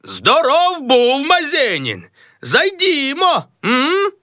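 A man's voice: very high voice, wildly swooping pitch, slow, pushed and bright, dry recording, clean studio sound, voice pushed up, full character voice. A man voicing a pompous middle-aged man who rehearses a grand new name in several self-important greeting voices.

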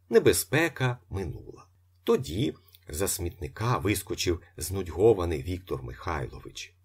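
A man with a husky voice narrating an audiobook expressively. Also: fairly low pitch. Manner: expressive, vivid.

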